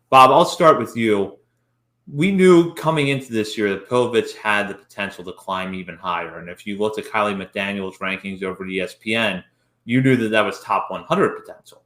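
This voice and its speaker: A man's voice: fairly low pitch, a bit bright. A man hosting a podcast, reading stats and leading the discussion, recorded in an echoey room. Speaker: podcast host.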